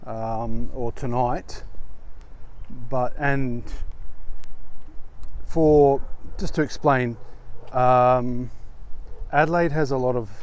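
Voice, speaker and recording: An Australian man vlogging casually in a halting, unhurried way while walking outdoors in strong wind, with wind on his lavalier mic. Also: mid-range voice, fairly even intonation, rough recording. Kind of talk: casual rambling vlog talk. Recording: wind on mic, gusty noise. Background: blustery wind.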